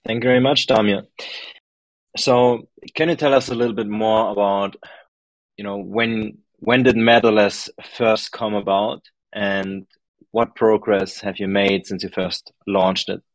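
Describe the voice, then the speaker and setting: A man's voice: lowish voice, steady tone, unhurried, no echo, poor audio. A man hosting a podcast interview, asking loose questions with fillers. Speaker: podcast host.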